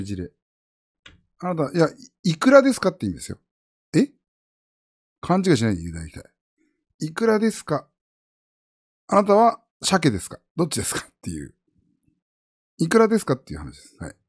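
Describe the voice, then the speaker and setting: A man's voice: a little fast, long pauses, breathy edge. A man from Japan chatting casually with his viewers as a streamer, rambling and jumping from topic to topic. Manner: rambling, animated, jumps between high and low pitch.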